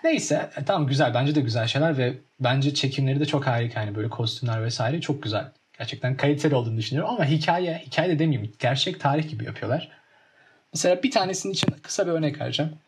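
A young man chatting casually and telling stories in a lively way, acting out scenes with mimicked sounds. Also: medium pitch, rapid-fire. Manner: animated storytelling, acts out scenes with mimicked sounds. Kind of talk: casual chat.

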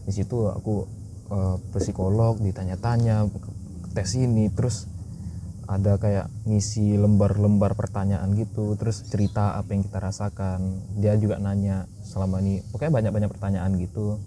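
Casual guest, male, low voice, open storyteller, noisy room. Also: little pitch movement, moderate pace. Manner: candid, chatty storytelling. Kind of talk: casual podcast chat. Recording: noisy background.

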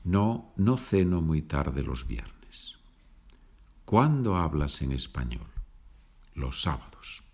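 A man hosting a podcast lesson, patiently explaining Spanish phrases in English and repeating them slowly. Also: extremely low pitch, big pitch swings, darkish tone, husky. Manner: slow, patient, explains with small laughs and repeats. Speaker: Spanish teacher, podcast host. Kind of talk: slow bilingual language lesson.

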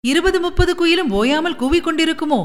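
A young would-be actress who speaks sweetly and pleads or gushes with each line, as a woman narrator puts her on. Her voice sits high and light. A long reverb lingers around her. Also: brisk. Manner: sweet, apologetic and gushing. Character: young woman hoping to become a film actress.

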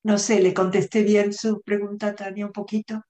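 A woman guest who works as a self-management coach, speaking in an earnest, measured way, acting out her own inner dialogue and slipping English words into her Spanish. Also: medium pitch, little pitch movement, dark tone. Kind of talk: podcast interview talk.

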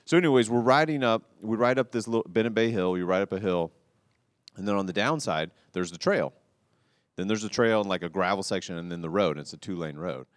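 A man on a casual talk show, telling a rambling story with restarts and loud quoted outbursts. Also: fairly low pitch, brisk, dry recording, studio quality. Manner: animated, rambling, restarts, quotes people loudly. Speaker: podcast co-host telling a cycling story.

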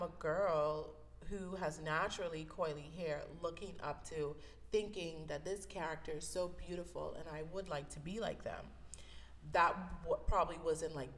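A woman's voice: deep voice, fairly bright tone. A woman in her thirties from the Bahamas, hosting a podcast and telling personal stories in a reflective, conversational way. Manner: reflective, conversational, with fillers and laughs. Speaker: podcast host. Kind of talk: personal storytelling monologue.

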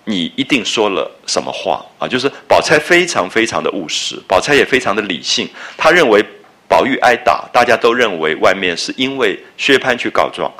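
A man's voice: on the low side, sing-song, normal speed, sharp tone. A man lecturing on a classic novel. He talks conversationally, repeating phrases and asking his listeners rhetorical questions. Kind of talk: explanatory literature lecture.

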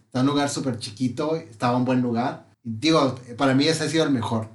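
A man's voice: medium pitch, fast, echoey room. A man with a Mexican accent hosting a casual music chat, asking questions and sharing memories. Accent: Mexican Spanish. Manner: relaxed, asks questions and reminisces.

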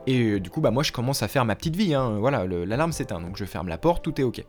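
A man's voice: medium pitch, expressive, fast, faint music behind. A young French man telling a story in a casual, slangy way, acting out the lines he quotes. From France. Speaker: language vlogger.

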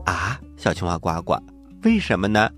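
Avuncular guy telling kids stories, lowish voice, swoops all over, light music under him. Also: normal speed. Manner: avuncular, expressive, addressing children. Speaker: children's storytelling host and narrator. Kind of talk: animated scripted children's storytelling.

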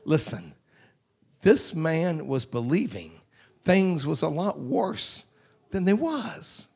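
Man, preacher, high voice, slow unhurried delivery, holiness sermon, rhythmic call-outs. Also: very animated, darkish tone. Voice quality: frequent throat-clearing. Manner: fervent, rhythmic, drawling with repeated call-outs.

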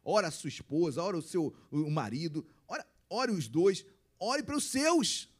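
Lively, emphatic pastor preaching. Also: male voice, a little high, moderate pace, husky. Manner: emphatic preaching with rhetorical questions to the congregation. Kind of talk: sermon.

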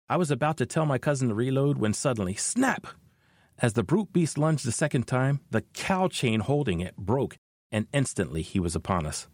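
A man hosting a podcast, telling a personal story of faith in an earnest, expressive way. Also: mid-range voice, no room sound, clean studio sound. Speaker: podcast host.

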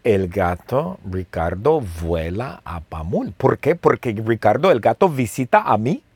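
A man telling a simple story slowly and playfully, repeating phrases and asking the listener questions. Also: on the low side, big pitch swings, a little mellow, slightly rough, dry recording. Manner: playful, with sound effects. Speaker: storyteller for language learners. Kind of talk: slow, simple storytelling with lots of repetition.

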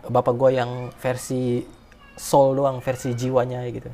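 A man's voice: mid-range voice, monotone, a little slow, dark tone, a little hiss or hum. A man tells a personal story in casual, slangy speech, emotional and rambling with many restarts.

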